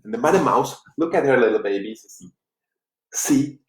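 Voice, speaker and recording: A man from the Czech Republic with a Czech accent, a life coach giving an earnest, halting motivational talk on a live stream. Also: mid-range voice, lively intonation. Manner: earnest, halting, with frequent restarts. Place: room in Los Angeles. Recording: roomy, distant mic.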